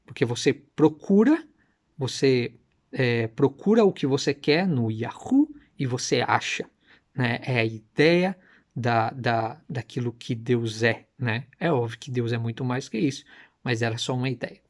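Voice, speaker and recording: A young man preaching and teaching with emphatic, persuasive delivery, slowing down to repeat Hebrew words carefully. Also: mid-range voice. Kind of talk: teaching sermon to camera.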